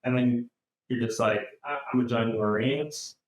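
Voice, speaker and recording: A man's voice: medium pitch, fairly even intonation, moderate pace, heavy reverb, a little hiss or hum, poor audio. A man hosting a podcast, talking in a laid-back, slangy way. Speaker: podcast host. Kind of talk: casual interview chat.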